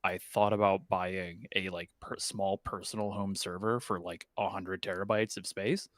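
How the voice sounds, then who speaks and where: A man's voice: low voice, flat delivery, moderate pace, a bit bright, dry recording, studio quality. A man chatting casually as a stream guest over group voice chat, often restarting his sentences and slipping in puns. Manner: stammering restarts, punning. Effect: heard over group voice chat.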